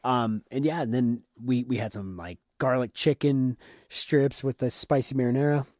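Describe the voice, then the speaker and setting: A man co-hosting a podcast, chatting casually and excitedly about a theme park trip, often repeating words. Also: medium pitch, normal speed, dry recording, clean studio sound. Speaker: podcast co-host. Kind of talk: casual trip recap chat.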